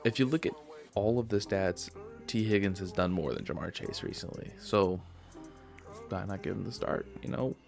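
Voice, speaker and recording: A man's voice: deep voice, normal speed, vocal fry, darkish tone, faint music behind. A man casually giving his weekly sports predictions, tired and yawning, rambling and correcting himself as he goes. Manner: offhand, rambling, self-correcting, yawns while talking. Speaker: sports video host.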